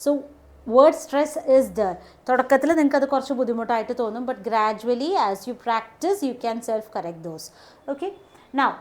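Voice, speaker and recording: High-voiced woman tutoring in Malayali English. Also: a little mellow. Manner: reads English points slowly, explains them fast in Malayalam; frequent "okay" to mark each point. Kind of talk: classroom-style lesson.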